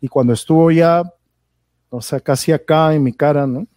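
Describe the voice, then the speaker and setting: A man's voice: fairly high pitch, moderate pace, mellow, no room sound. Peruvian man spinning a rambling story. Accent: Peruvian Spanish. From Peru. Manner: rambling storyteller, tags phrases with "¿no?". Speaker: podcast guest. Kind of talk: casual anecdote telling.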